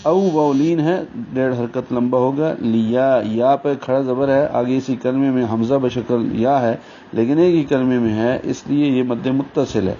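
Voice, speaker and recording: A man teaching Quran recitation rules step by step, breaking into slow, drawn-out chanted recitation for each example. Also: mid-range voice, steady tone, warm tone. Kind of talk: tajweed lesson with recited examples. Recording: dull lo-fi recording with faint hiss.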